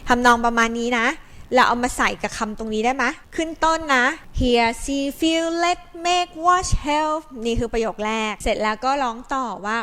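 A woman's voice: on the high side, steady tone, quick pace, a bit bright, clean tone. A woman from Thailand explaining English grammar in a patient, step-by-step way, calling herself an older sister to her students. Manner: patient and explanatory, sings a tune as a memory aid. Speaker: English tutor. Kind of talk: Thai grammar lesson.

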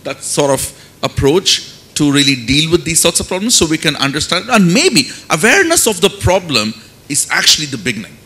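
A middle-aged man with an Indian accent, a finance academic on a conference panel, speaks emphatically into a handheld microphone and poses rhetorical questions. His pitch swings widely, his pace is a little fast, and his tone is sharp. Faint noise and a low rumble sit underneath.

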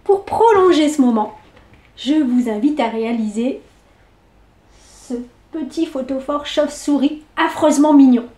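A woman reading a picture book aloud to children, slow and expressive. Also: sits high. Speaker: storyteller. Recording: echoey room.

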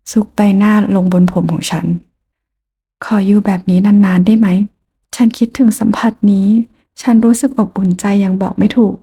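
A woman narrating a romance audio novel in the first person, calm and unhurried. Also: mid-range voice, breathy edge. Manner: calm, soft, unhurried storytelling.

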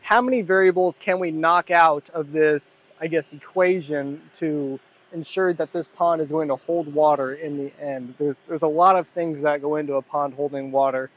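A man's voice: fairly high pitch, steady tone, moderate pace, a bit bright, low-quality recording. A young man from Oklahoma explaining a pond renovation on site, earnest and explanatory, sometimes repeating words as he thinks. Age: young adult. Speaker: pond builder. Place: outdoor construction site by a pond, heavy machinery nearby. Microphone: handheld phone camera at arm's length. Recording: outdoor recording with clear machinery noise.

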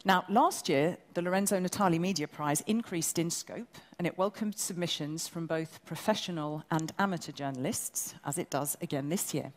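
A woman from England presenting an awards ceremony on stage, brisk, bossy and joking with the audience. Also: lowish voice. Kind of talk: live stage hosting. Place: large event hall. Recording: long hall reverb.

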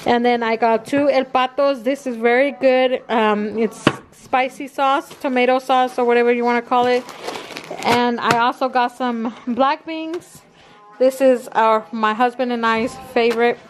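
In her home kitchen, a woman vlogger in her thirties casually shows her grocery haul to the camera, rambling with fillers. Her voice is fairly high with a steady tone and an unhurried pace, and background noise is present.

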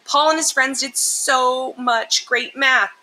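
A woman with a high-pitched voice reads a children's picture book aloud slowly and expressively, explaining and emphasizing things for young listeners. Steady background noise is clearly audible in the recording.

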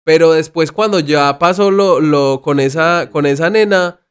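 A man's voice: fairly high pitch, unhurried, clear, resonant tone. A young man, telling a story in casual chat among friends on a podcast, acting out the lines he quotes. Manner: animated, acts out quoted lines. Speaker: podcast co-host.

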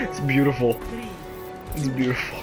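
Young male gamer, high animated voice, cheers and laughs a lot, game music behind. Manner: excitable, laughing, cheering on teammates. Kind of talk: casual gaming chat.

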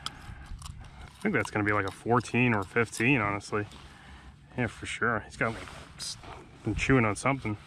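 This man's lowish voice is steady, bright and forceful, at a moderate pace with frequent pauses, over slight background noise. In his thirties, he kayak-fishes alone on a calm open sea, laid-back and talking to himself between casts. An action camera mounted on the boat does the recording.

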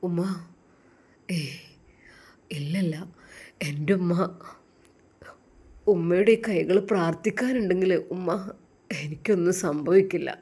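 Woman doing an earnest young guy, soft and low, begging his mom in a story. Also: slow pace, pauses often, husky, full character voice. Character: devout young man, earnest and pleading.

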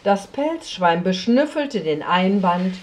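A woman reading a children's story aloud, slow and expressive, often sinking to a soft near whisper. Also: medium pitch.

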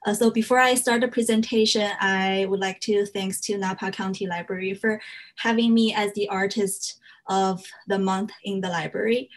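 A woman's voice: medium pitch, steady tone, normal speed. Young woman, from China, English as a second language, earnest, frequent fillers, slide talk over a video call. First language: Chinese. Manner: earnest, frequent "uh" fillers, slightly non-native grammar. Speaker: fiber artist giving a library talk.

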